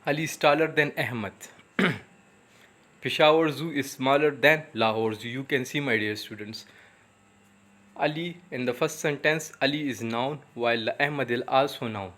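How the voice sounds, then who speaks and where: A man teaching a grammar lesson with a Pakistani English accent, explaining each point slowly in English and then repeating it in Urdu. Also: mid-range voice, a bit bright. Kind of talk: classroom grammar lecture.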